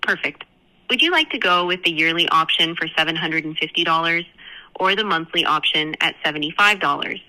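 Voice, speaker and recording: Brief: AI woman receptionist over speakerphone, low-set but very bright and sharp tone, polite and scripted. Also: expressive, fairly quick, low-quality recording. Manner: polite scripted customer-service phrasing. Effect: heard through a phone on speakerphone. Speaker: AI phone receptionist. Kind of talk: booking call.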